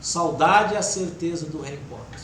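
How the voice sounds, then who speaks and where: A man giving a devotional spiritist talk with a Brazilian Portuguese accent, emotional, swinging between loud urging and soft, hushed passages. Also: a little high, moderate pace. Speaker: spiritist lecturer. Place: spiritist center hall. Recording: echoey hall with faint background noise.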